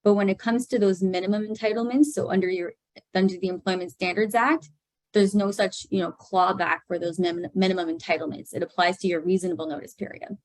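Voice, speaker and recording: A woman's voice: mid-range voice, steady tone, fairly quick, darkish tone, no echo, poor audio. A Canadian woman lawyer explaining legal duties in an information session, carefully, with many fillers. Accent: Canadian English. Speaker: employment lawyer.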